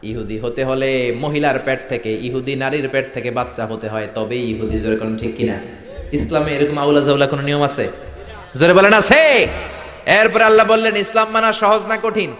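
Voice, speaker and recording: Rousing preacher in an echoey hall. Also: male voice, fairly high pitch, a bit bright. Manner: rousing, calls on the crowd to answer aloud; colloquial, humorous storytelling. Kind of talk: Bengali waz sermon to a crowd. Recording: roomy hall echo, dull lo-fi sound.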